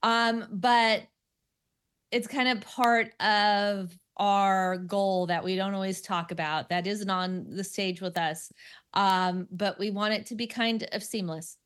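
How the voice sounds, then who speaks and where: A female stand-up comedian who stutters talks casually in a radio interview, restarting often, using plenty of fillers, and laughing easily. Her mid-range voice is slow, fairly even in intonation, slightly bright, clear, and resonant.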